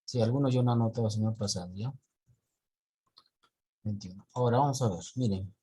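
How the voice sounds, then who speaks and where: A man's voice: lowish voice, brisk, warm tone, breathy edge. A male teacher on a video call, going through his students' reading mistakes point by point. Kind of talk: online reading class feedback.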